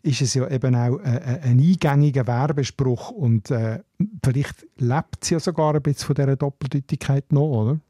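A Swiss man with a mellow, dark-toned voice, speaking in the relaxed, explanatory way of a linguist on a radio talk show. He keeps asking "oder?" at the end of his points, and his voice sounds close and dry. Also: mid-range voice, normal speed, no room sound. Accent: Swiss German. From Switzerland. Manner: explanatory, often ends with a questioning "oder?".

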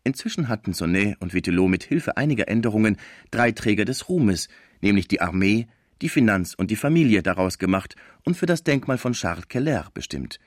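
A man reading a classic novel aloud as scripted narration in an expressive storytelling manner. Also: on the low side, brisk, dry recording, studio quality. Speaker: audiobook reader.

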